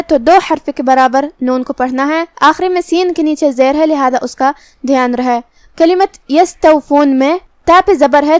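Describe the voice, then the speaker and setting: A woman teaching Quran pronunciation in a careful, instructive way, stopping to slowly recite each example. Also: high voice, no room sound, studio quality. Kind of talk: tajweed lesson, explaining pronunciation.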